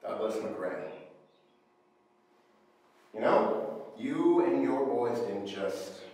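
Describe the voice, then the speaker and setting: A man's voice: mid-range voice, sing-song, darkish tone, heavily acted. Man acting echoey, menacing tough cop. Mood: menacing, scornful. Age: young adult. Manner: tough cop, intimidating, deliberate, foul-mouthed. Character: tough, menacing male FBI agent interrogating a suspect. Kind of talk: acted film scene monologue. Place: small indoor concrete-block room. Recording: very echoey bare room, long reverb.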